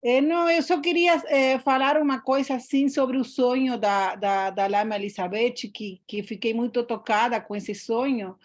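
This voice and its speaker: Hesitant apologetic woman, higher voice. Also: fairly even intonation, normal speed, few pauses. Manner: hesitant, apologetic, many restarts. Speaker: study group participant. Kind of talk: online group chat.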